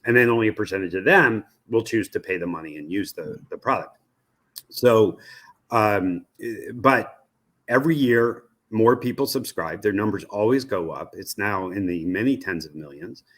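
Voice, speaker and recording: An American man, a media research executive, is interviewed in a conversational way, explaining things and thinking aloud with frequent asides. His voice is on the low side and fairly bright, at a normal speed.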